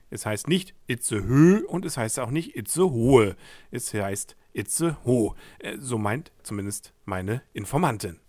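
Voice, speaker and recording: Chatty German radio podcast host. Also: male voice, medium pitch, a bit bright, no echo, studio quality. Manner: chatty, wry asides. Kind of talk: scripted local history talk.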